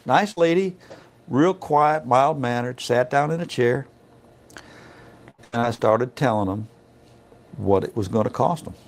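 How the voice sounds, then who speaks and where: A man's voice: medium pitch, lively intonation, measured pace, long pauses. A middle-aged man who inspects trucks at a scale, telling a story in a folksy, chatty way with lots of "you know" asides. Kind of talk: casual storytelling.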